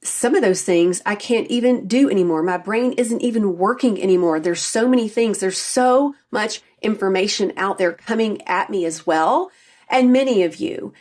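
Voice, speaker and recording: Middle-aged lady coach doing her solo podcast, earnest and confiding, mid-pitched voice. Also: normal speed, a little mellow. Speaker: podcast host and health coach. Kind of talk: solo faith-based podcast talk.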